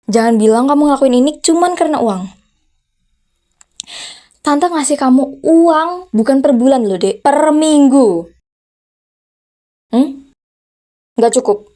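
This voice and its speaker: A woman's voice: high voice, expressive, slow, pauses often. A woman in an ASMR role-play voicing a furious, unmarried rich aunt who runs a company and is scolding her teenage nephew with sarcastic, challenging questions. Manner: scolding, sarcastic, repeated sharp "hah?" challenges. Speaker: VTuber role-play creator.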